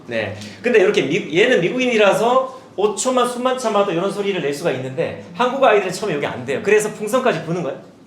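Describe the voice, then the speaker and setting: A man in his forties, an education director giving a demonstrative seminar talk to parents, now and then switching into a brighter voice as if coaching children. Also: high-pitched, big pitch swings, quick pace. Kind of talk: seminar presentation. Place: seminar hall. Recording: echoey hall with faint room noise.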